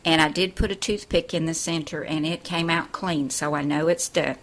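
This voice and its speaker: A woman's voice: sits low, steady tone, moderate pace. A woman hosting a cooking show from her home kitchen, chatting through a recipe step by step. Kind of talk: friendly cooking demonstration.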